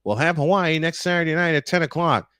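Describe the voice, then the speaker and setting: Excitable man calling football play-by-play. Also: a little high, clean tone, dry recording. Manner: rising excitement on big plays, quick self-corrections. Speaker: play-by-play announcer. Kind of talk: play-by-play commentary.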